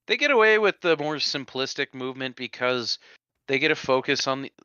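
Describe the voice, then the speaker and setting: A man tells crude, joking stories in a casual stream chat. His voice is crisp and bright, recorded dry on a dull, lo-fi mic. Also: medium pitch, lively intonation, a little fast, no room sound. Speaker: podcast co-host.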